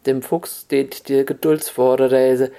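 A storyteller reading a tale in Upper Hessian dialect, drawing out key words slowly. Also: mid-range voice, flat delivery, vocal fry, mellow, smooth.

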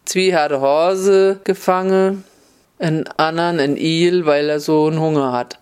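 A man's voice: on the high side, steady tone, measured pace, darkish tone, clean tone. A man reading a fairy tale aloud, telling it in a folksy way with dialect words. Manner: folksy, mixes dialect into the narration. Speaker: storyteller.

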